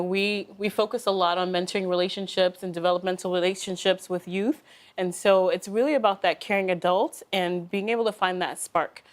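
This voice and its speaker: A woman in her thirties, a youth mentor, answering interview questions in a composed and articulate way. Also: fairly low pitch. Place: television studio.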